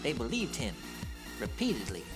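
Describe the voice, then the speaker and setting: A woman's voice: very deep voice, huge pitch swings, normal speed, music in the background, exaggerated voice. A woman playing a cocky young male hedgehog hero, narrating a comic dub with casual, wry asides.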